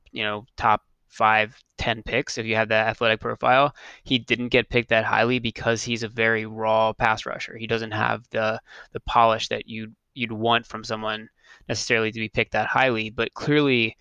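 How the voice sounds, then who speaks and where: Guy co-hosting a sports pod, crisp bright voice, kinda flat, breaks stuff down. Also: lowish voice, no echo, dull audio. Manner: measured, analytical, repeats words. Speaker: podcast co-host. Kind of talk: casual sports podcast chat.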